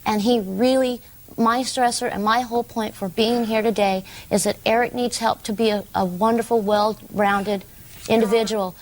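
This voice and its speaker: A woman's voice: fairly high pitch, steady tone, moderate pace, a little mellow, rough recording. A woman defending herself before a judge, earnest and deferential, answering "yes, ma'am".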